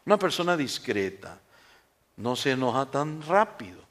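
In a church, a man preaches a sermon, alternating loud, emphatic lines with quiet asides and mocking the people he quotes with put-on voices. His voice is medium-pitched and sing-song, at a normal speed.

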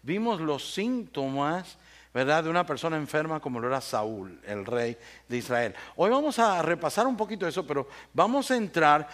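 A man's voice: a little high, moderate pace. A man preaching a sermon, telling stories and often asking the congregation for assent. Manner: animated storyteller, asks the congregation for assent. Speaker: pastor.

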